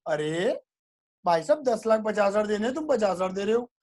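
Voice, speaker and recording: A man's voice: high-pitched, sing-song, brisk, a little mellow. Male shopkeeper, middle-aged, pleading tone, put on by a male teacher in a storytelling lesson.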